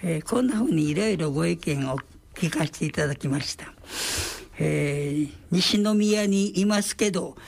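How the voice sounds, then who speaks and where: An older man with a Kansai accent hosting a solo radio talk, reading out listener letters in an unhurried, genial, chatty way. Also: a little high, animated, gravelly. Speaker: radio host.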